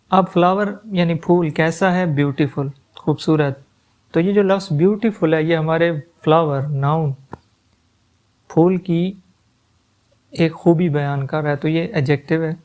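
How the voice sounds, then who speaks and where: A man with an Urdu-influenced accent teaching a grammar lesson, reading English example sentences very slowly and then explaining them. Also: fairly high pitch, darkish tone. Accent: Urdu-influenced Hindustani.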